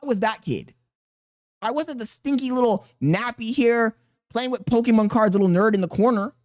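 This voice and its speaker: A man with a thin, very high voice speaks at a normal speed while hosting a reaction video. He offers casual commentary to his chat, blunt, mocking, and full of profanity.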